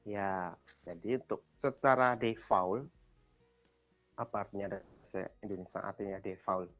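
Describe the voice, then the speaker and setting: A man's voice: lowish voice, a little slow, fairly bright tone, soft background music. Guy teaching an online class, quizzes students then repeats the answers, muffled call audio. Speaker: Thai language teacher.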